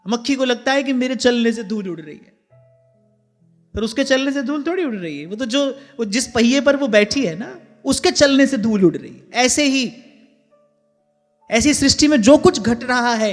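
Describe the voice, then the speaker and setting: A man's voice: very high voice, animated, a little slow, soft background music. Man, spiritual teacher, devotional sermon, earnest, repeats phrases, long hall reverb. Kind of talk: devotional sermon with sung verses. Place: large ashram hall.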